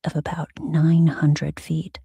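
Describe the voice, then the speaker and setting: Very breathy, whispering woman, slow sleep story narrator. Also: sits low, monotone, dry recording. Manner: slow, hushed, soothing delivery with soft pauses. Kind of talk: whispered ASMR reading for sleep.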